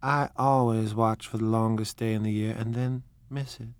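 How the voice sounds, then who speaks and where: A man's voice: on the low side, fairly even intonation, normal speed, clear, resonant tone, no room sound, natural voice. A man reading a novel aloud, voicing a languid, aloof young sportswoman with a cool, offhand drawl. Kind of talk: audiobook character voice.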